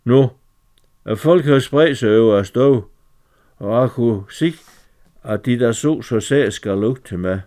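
A man's voice: medium pitch, long pauses, dark tone, natural voice. A man voicing a fumbling, muddled older male farmer who searches for words as he reads a dialect story aloud. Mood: rambling.

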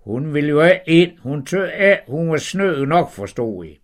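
A man voicing Abraham, an eager, hospitable old man, speaking excitedly. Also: fairly high pitch. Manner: excited, warm welcoming.

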